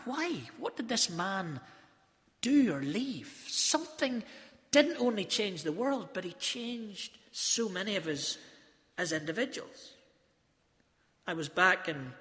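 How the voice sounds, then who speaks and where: High, bright-voiced man preaching in echoing hall. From South Africa. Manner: earnest, storytelling, emphatic phrasing. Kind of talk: sermon. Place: church.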